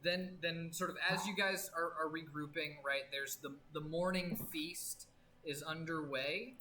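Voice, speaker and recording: A man narrating as game master of a tabletop game, describing scenes with many pauses and restarts. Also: a little high, fairly even intonation, noisy background. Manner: halting, full of fillers and restarts, descriptive.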